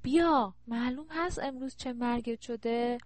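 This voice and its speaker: Audiobook, brisk practical woman voiced by a woman, coaxing, dry close sound. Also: on the high side, no echo, natural voice.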